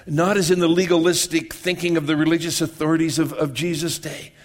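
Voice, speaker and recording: Guy preaching a sermon, talks kinda high, restarts words a lot, keeps asking if you're following. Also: little pitch movement, fairly quick. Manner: conversational teaching, checks in with listeners; repeats and restarts words while explaining. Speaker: pastor.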